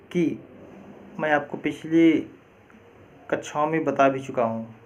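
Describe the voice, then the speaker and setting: A man's voice: on the high side, lo-fi sound. A male teacher-training lecturer who gives a classroom lecture, explains step by step, repeats his points and asks rhetorical questions. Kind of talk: classroom lecture on Hindi reading.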